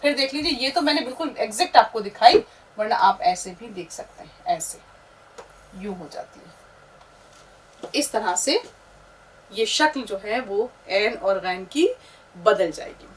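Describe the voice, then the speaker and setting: A woman with a fairly high voice teaches a beginners' class, walking through each letter shape slowly and patiently. She points things out as she writes. Her voice sits a little back from the microphone. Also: animated, far from the mic, a little hiss or hum, rough recording. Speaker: Urdu teacher. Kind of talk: step-by-step script lesson.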